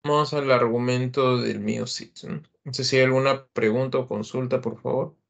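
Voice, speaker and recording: A man's voice: medium pitch, steady tone, moderate pace, gravelly, highs cut off. A man teaching a literature class online, explaining verse and rhyme in a patient lecturing style, with many fillers and tag questions. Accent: Peruvian Spanish.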